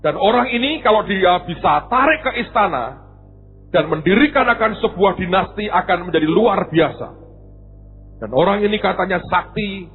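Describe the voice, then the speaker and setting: Pastor preaching, high lively voice jumping all over, tinny phone-like sound w faint music behind. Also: male voice, husky. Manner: animated, acts out quoted voices, addresses congregation as saudara. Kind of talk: sermon storytelling.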